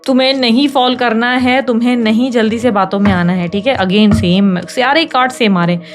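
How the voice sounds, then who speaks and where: A woman reading tarot in a casual chat to her viewers, talking fast, teasing and scolding them like a big sister. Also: fairly high pitch, soft background music. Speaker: tarot reader.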